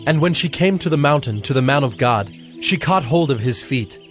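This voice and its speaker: A man reads scripture aloud in a measured, steady narration, at an ordinary pitch. Soft music sits faintly beneath his voice. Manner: measured, even reading. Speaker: scripture reader.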